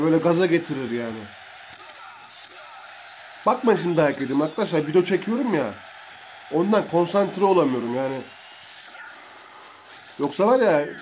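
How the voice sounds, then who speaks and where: Young guy yelling over his phone game, kinda high voice, slangy and hyped, faint hiss behind. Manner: excitable, slangy, talks to the viewer as "abi". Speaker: mobile game player. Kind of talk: casual gameplay commentary.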